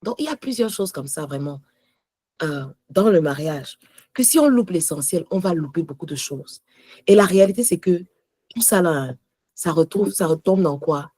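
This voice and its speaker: Passionate husky-voiced woman teaching. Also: lowish voice, lively intonation, normal speed, warm tone, dry recording. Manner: passionate, switches between French and English. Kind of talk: devotional teaching on marriage.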